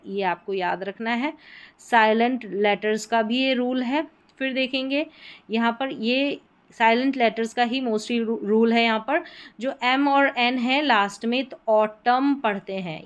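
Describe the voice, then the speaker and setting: A woman's voice: on the high side, dull audio. Patient woman teaching pronunciation. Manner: patient, repeats each example word slowly. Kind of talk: explaining spelling sounds to learners.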